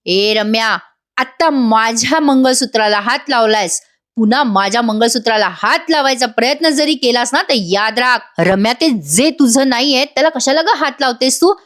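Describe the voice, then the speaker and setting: A proud, defiant young wife, read out by a woman reviewer. The voice sits a little high and bright, and she speaks her lines with plain firmness rather than full acting. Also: moderate pace, lightly acted.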